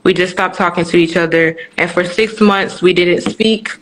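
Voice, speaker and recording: A woman's voice: lowish voice, steady tone, moderate pace, slight background noise, low-quality recording. A woman in her twenties, from Nigeria, speaking candidly as a guest on a live-streamed interview, telling her story with many restarts and fillers. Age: 20s.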